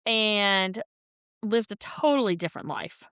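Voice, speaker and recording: A woman's voice: mid-range voice, unhurried, bright, forceful tone, clear, resonant tone, no echo. Chatty woman podcast co-host, dry sound. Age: older than her co-host. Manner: chatty, laughs often while telling stories. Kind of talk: casual chat.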